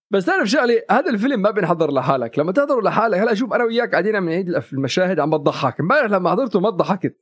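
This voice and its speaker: A man, co-hosting a casual chat about films. He races through his stories and acts out the quotes, his pitch bouncing all over. The voice is slightly husky and recorded very dry. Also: rapid-fire, no echo. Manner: animated storyteller who acts out quotes. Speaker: podcast co-host.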